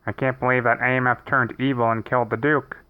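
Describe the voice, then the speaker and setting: A man's voice: mid-range voice, flat delivery, fast, clean tone, natural voice. A man voicing an anxious young friend who sounds whiny and exasperated. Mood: worried. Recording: dull lo-fi recording.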